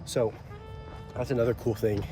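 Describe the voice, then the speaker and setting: A man's voice: mid-range voice, flat delivery, moderate pace. A young man talking casually to the camera in a vlog, upbeat and rambling, with a slight cold. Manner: upbeat, chatty, loose and rambling. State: out of breath after a run. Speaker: vlogger. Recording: faint music behind.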